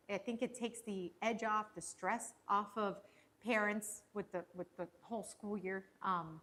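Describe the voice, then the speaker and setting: A woman's voice: medium pitch, a bit bright. A woman hosting a casual cooking livestream from her home kitchen, chatting and rambling with frequent restarts as she preps food. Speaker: cooking show host.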